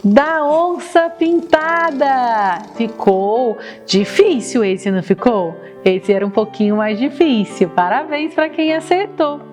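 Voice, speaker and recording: A woman's voice: mid-range voice, unhurried, few pauses, darkish tone, soft background music. A Brazilian woman teaching a children's Bible story, talking in simple sing-song questions and diminutives as if reading to a toddler. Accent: Brazilian Portuguese.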